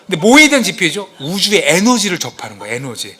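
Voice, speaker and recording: A male pastor with a high voice preaches quickly to his congregation in a church sanctuary. He's animated, acting out quotes and exclamations and putting questions to his listeners.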